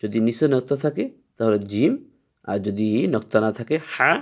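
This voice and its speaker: A man teaching Quran reading, explaining each letter patiently and repeating its sound slowly three times. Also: medium pitch. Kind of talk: step-by-step letter lesson.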